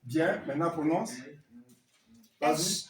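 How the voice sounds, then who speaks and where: Slow, high-voiced man teaching a class. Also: roomy sound, poor audio. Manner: questioning and correcting students, encouraging. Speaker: Hebrew teacher. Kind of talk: classroom lesson.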